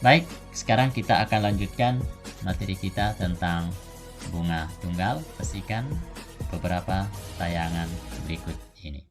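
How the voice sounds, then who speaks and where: Very low-voiced man teaching a lesson. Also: over music. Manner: deliberate, phrase-by-phrase explaining. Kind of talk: explanatory lesson presentation.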